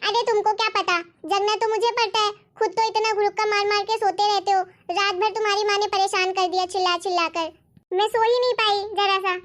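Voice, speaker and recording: A woman playing a selfish young daughter-in-law who talks fast and complains sharply. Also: very high voice, fairly even intonation, a bit bright. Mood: complaining. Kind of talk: family drama acting.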